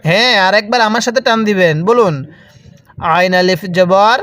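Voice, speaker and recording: A man's voice: high voice, a bit bright, dry recording. A man teaching Quran reading, spelling out letters and drawing out each sound for learners to repeat. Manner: slow drawn-out recitation of letters. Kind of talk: spelling lesson with call-and-repeat.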